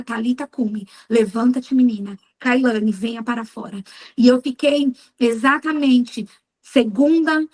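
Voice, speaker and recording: A woman's voice: sits high, a little mellow, poor audio. A middle-aged woman giving a fervent church testimony, telling her story emphatically and quoting her own prayers. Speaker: speaker at a women's church meeting. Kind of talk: testimony sermon.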